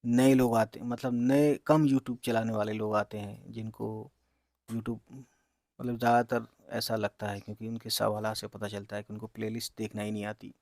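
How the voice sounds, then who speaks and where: Male reading teacher, gravelly and unhurried, dry close sound; sounds out each letter patiently. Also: fairly low pitch, flat delivery, a little mellow, dry recording. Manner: spells out letters and vowel marks slowly, says "theek hai" often. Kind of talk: slow letter-by-letter reading lesson.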